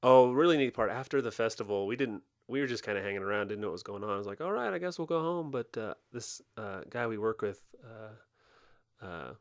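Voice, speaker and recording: A young adult man co-hosting a podcast, joking around in casual commentary over festival footage. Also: fairly low pitch. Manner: joking, animated, quick deadpan gags. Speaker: podcast co-host.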